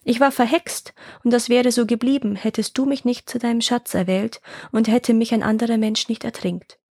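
A woman's voice: fairly high pitch, fairly even intonation, normal speed, a little mellow, no room sound, studio quality. A woman voicing an enchanted mouse bride who becomes a gracious young princess in a storybook fairy tale.

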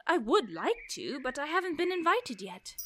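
Curious little alice, polite, wonders aloud, high bright voice. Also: female voice, very animated, normal speed, slight background noise, full character voice. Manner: wondering, polite, talks to herself. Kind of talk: audio drama acting.

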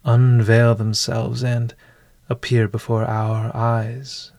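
A podcast host narrates a scripted bedtime meditation in a hushed, deliberate way, leaving long pauses. His mid-range voice is monotone. The studio-quality recording has no room sound.

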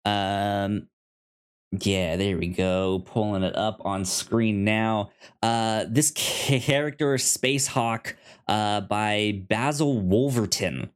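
This film podcast co-host is a man with a fairly low, clean-toned voice who takes his time. He offers offhand, unscripted recommendations, stumbling and restarting the first sounds of words.

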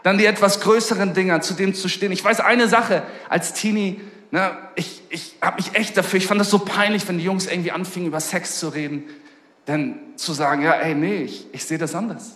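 A man's voice: high-pitched, fairly even intonation, brisk, bright, forceful tone. A man preaching a sermon in a casual, slangy storytelling way, fervent about his message. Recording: echoey hall with long reverb.

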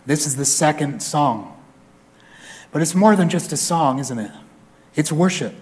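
A man's voice: fairly high pitch, expressive, measured pace. A man preaching a sermon as a pastor in a church. He reads scripture aloud expressively and mixes in humorous, conversational asides.

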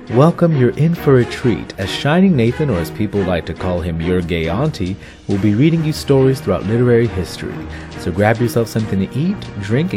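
Man, campy theatrical host, scripted podcast intro, medium pitch, clear musical backing.

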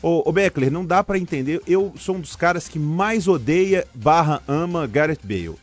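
Lively, higher-pitched man, blunt sports talker. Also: moderate pace. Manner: informal, blunt, opinionated. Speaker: football podcast co-host and commentator. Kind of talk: casual sports chat.

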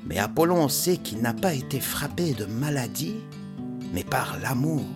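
Brief: male storyteller, lively rising and falling voice, unhurried, guitar plays behind. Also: medium pitch. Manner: expressive, measured storytelling. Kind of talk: storytelling narration. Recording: narration over guitar music.

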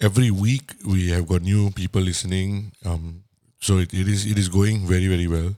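A man co-hosting a casual podcast in a low, dry, close voice. He talks extremely fast. His storytelling is colloquial and animated, switching freely between languages. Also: dry recording. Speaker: podcast co-host.

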